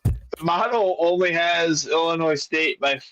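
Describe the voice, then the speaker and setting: A man's voice: a little high, a little slow, fairly bright tone, highs cut off, a little hiss or hum. A man co-hosting a casual betting show, explaining his numbers analytically and hesitating with fillers. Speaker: co-host who runs the prediction model. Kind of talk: casual sports betting podcast chat.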